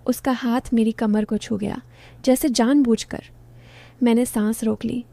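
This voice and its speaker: A woman tells a first-person story in a soft, low-key voice. Her pitch sits fairly high, but her tone is mellow and warm. The recording is close and dry, with no room sound. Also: fairly even intonation, measured pace, vocal fry, dry recording.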